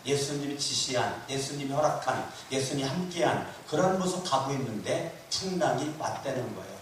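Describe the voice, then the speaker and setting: Preaching to his congregation in a church hall, this man speaks in an expressive, brisk mid-range voice, pressing points through emphatic repetition and rhetorical questions. There's a little hiss or hum, and the echoey room was captured from afar.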